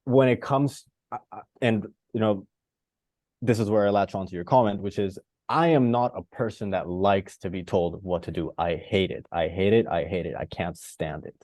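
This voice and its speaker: A Costa Rican man with a deep, slightly mellow voice talks at a moderate pace in a reflective video-call discussion, recorded dry over the call. As a participant, he thinks aloud and rambles, searching for words with lots of fillers and restarts.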